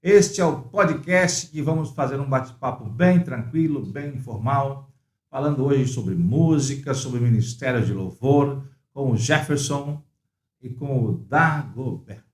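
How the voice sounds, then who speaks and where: A man hosting a relaxed, informal podcast, asking guests friendly questions. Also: medium pitch, unhurried. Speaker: podcast host. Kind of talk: casual chat. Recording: echoey room.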